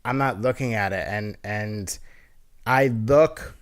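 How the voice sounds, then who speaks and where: A man with a fairly low, nasal voice speaks slowly as a guest on a casual podcast. In this relaxed interview chat he talks earnestly but rambles, frequently restarting his sentences.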